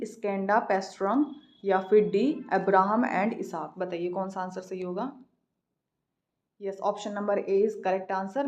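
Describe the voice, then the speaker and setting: An Indian woman tutoring an English exam, reading questions slowly and then explaining quickly. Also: medium pitch, dark tone. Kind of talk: exam practice lesson, Hindi-English mix.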